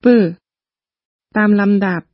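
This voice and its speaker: A woman's voice: fairly quick, no room sound, muffled recording. A woman teaching pronunciation in a polite, patient, step-by-step manner, reading a scripted lesson. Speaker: language teacher. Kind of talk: scripted instructional narration.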